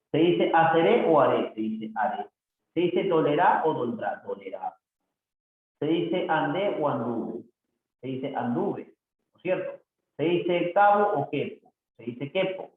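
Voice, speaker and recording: A man teaching a recorded grammar lesson, reading exercise sentences aloud and repeating them corrected, often checking in with tag questions. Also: fairly high pitch. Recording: tinny phone-like, very echoey, faint hiss.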